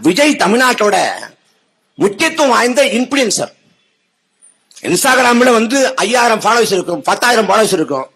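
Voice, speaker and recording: A man with a strikingly high, husky voice delivers a political speech. He mocks his rivals with heavy sarcasm and rhetorical questions, and his voice climbs to shouts. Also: poor audio. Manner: sarcastic, mocking, rising to shouts. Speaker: political speaker.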